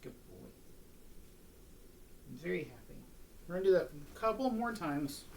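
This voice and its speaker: A woman dog trainer talks through her session in a relaxed, casual way, explaining what she is doing as she goes. Her voice sits low for a woman, but it moves a lot in pitch. A faint hum of noise runs underneath. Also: quick pace. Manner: chatty, explains her steps aloud while training.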